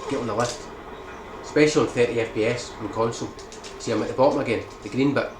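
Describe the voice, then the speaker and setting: Here a man with a fast, mid-range voice explains a speedrun strategy for a game tutorial, repeatedly checking in with "right?". Echo and background noise fill the room.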